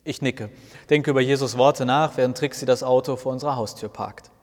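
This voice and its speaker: A man's voice: mid-range voice, a little fast, darkish tone. Man narrating a story in a reverberant hall. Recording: long reverb, roomy hall sound.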